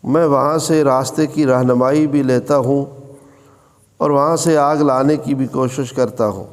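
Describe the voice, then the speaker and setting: A man giving a religious lesson, explaining scripture in an unhurried, measured way and chanting verses between his paraphrases. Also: medium pitch, fairly even intonation, long reverb tail. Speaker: Quran teacher.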